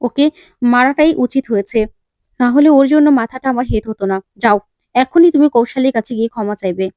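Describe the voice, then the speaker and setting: A woman's voice: on the high side, fairly quick, darkish tone, dry recording, dull audio, lightly acted. A woman voicing a stern, angry middle-aged father of the house who scolds and gives orders. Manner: scolding, commanding.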